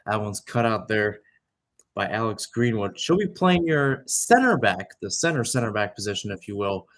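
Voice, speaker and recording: This young adult commentator has a lowish, slightly bright voice with big swings in pitch, speaking at a moderate pace. He gives conversational live soccer play-by-play like on the radio, filling in background between calls.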